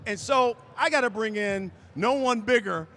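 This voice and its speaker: A man's voice: high voice, normal speed, a bit bright. An American man hosting a live boxing broadcast in a presenter's style. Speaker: sports broadcast host. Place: large arena atrium.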